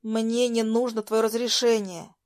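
A woman's voice: a little high, level tone, a little slow, a little mellow, no room sound, clean studio sound, natural voice. A woman voicing a defiant young woman who snaps back angrily in a raised voice. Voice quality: raised, snapping voice.

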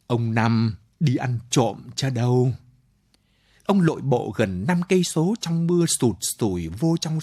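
Male narrator, unhurried late-night radio storytelling. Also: mid-range voice, slightly rough. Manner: slow, lively storytelling with voiced dialogue.

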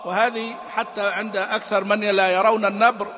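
A man teaching a tajweed lesson. He chants sample words, corrects them with quick asides and quizzes his listeners with short questions. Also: high-pitched, flat delivery. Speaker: Quran recitation teacher. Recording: roomy reverb, dull lo-fi sound.

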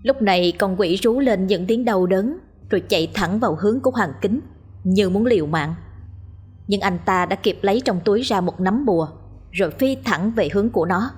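A woman's voice: mid-range voice, lively intonation, normal speed, darkish tone, breathy edge. A woman narrating a ghost story with dramatic storytelling.

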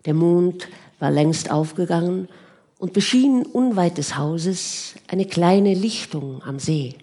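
A woman narrating a novel as an audiobook in a calm, measured way. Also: fairly low pitch. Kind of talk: scripted narration.

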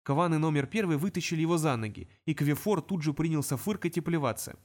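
A man reads a fantasy story aloud in an even, steady storytelling voice. His pitch sits slightly high for a man. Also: fast. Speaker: audiobook narrator. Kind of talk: scripted narration.

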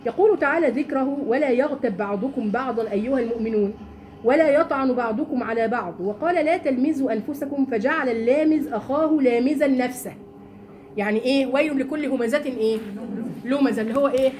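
This religious teacher speaks quickly in a high voice with an Egyptian Arabic accent. Teaching women a Quran lesson, she tells stories with animation and does mocking impressions, all captured in a noisy room.

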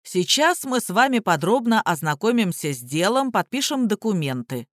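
A reader voicing a stern male lawyer and former policeman who booms and barks orders. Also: very animated, moderate pace, fairly bright tone, no echo, clean studio sound. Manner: booming, barking orders.

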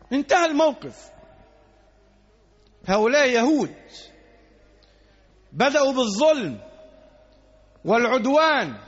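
A male preacher with an Egyptian accent delivers a Friday sermon in a very high, piercing, bright voice. He presses his points with repeated rhetorical questions and sudden loud bursts. The recording is dull and lo-fi.

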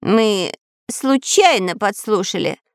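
A woman's voice: medium pitch, lively intonation, takes it slowly, clear, resonant tone, dry recording, studio quality, voice pushed up. A woman voicing a sneaky pirate spy with a nasal voice, whining and pleading. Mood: sly.

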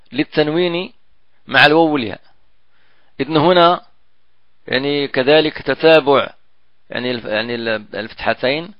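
A fairly high-voiced man teaches Quran recitation. He explains patiently and stretches out example words to demonstrate them. The recording is dull and lo-fi, with a dry sound. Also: no echo. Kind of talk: recorded tajweed lesson.

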